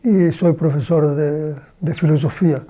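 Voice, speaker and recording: In a compact room lined with bookshelves, an elderly philosophy professor from Cuba responds to an interviewer with measured, unhurried speech. Frequent pauses mark his search for words, and his mellow voice sits on the higher side.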